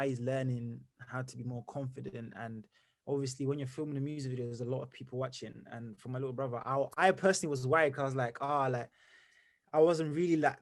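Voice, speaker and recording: A young man from Zimbabwe, a musician who is a guest in an interview. He talks energetically and rambles, stringing thoughts together with plenty of fillers. His voice sits at an ordinary middle pitch. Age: young adult. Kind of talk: casual interview answers.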